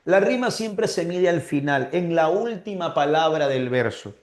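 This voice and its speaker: A man's voice: on the high side, lively intonation, a little slow, darkish tone, echoey room. A man teaching literature in an online class, stretching out words as he dictates verses and playfully imitating confused students.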